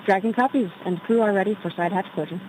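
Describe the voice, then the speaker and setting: A woman's voice: medium pitch, fast talker, a little mellow. Woman astronaut on noisy spacecraft radio. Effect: radio transmission. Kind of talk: astronaut radio comm check, clipped procedural calls.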